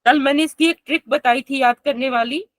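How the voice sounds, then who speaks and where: A woman teaching an online yoga class, explaining step by step, chanting verses slowly and asking her students questions. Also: high voice, dry recording.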